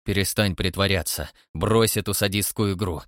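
A man reading an audiobook voices a shaken grown man who speaks hoarsely and bitterly. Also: deep voice, moderate pace, fairly bright tone, no echo, studio quality.

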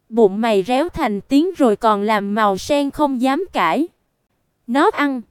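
A woman's voice: high voice, darkish tone, clear, resonant tone, no room sound, clean studio sound. A woman reading a story aloud as an audiobook narrator, voicing the characters' dialogue in turn. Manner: reads unhurried, voices characters' dialogue in turn.

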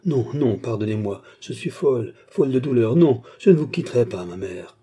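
A man's voice: mid-range voice, animated, normal speed, mellow, slightly rough. A man reading the part of a grief-stricken, resolute young woman in an audiobook, earnest and pleading. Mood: grieving.

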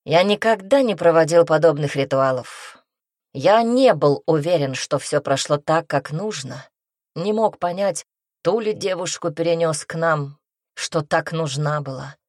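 A woman's voice: low-pitched, measured pace, no room sound, studio quality. A woman voicing a commanding young prince. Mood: earnest. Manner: steady, urging, commanding. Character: male prince, calm, commanding mentor.

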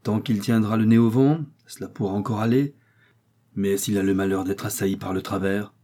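A man's voice: lowish voice, flat delivery, moderate pace, dark tone, lightly acted. A man voicing a blunt, grave semaphore keeper, a seasoned sailor watching a storm in a storybook reading.

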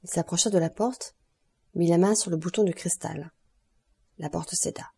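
A woman narrating a classic novel as an audiobook, in a measured, expressive reading. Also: fairly low pitch, gravelly, husky.

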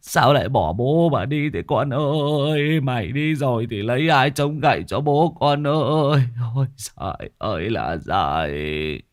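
A man narrating a ghost story who voices an older village father from Vietnam, keening and crying out in drawn-out wails over his dead son. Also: mid-range voice, lively intonation, no echo, clean studio sound, voice pushed up, close to an everyday voice. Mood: wailing grief.

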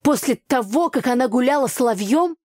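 A woman voicing an angry, jealous young man in an audiobook, speaking with slow, sneering emphasis. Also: high voice, animated, a little mellow, no room sound, clean studio sound, pitched above the performer's own voice. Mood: bitter. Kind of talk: audiobook character reading.

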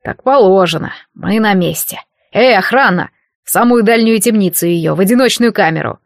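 Lady doing a big rough guard guy in a storybook, jeering and gruff, dry close mic. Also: mid-range voice, normal speed, no room sound, lightly acted. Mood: mocking. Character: burly mocking male strongman guard, rough. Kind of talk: audiobook character voice.

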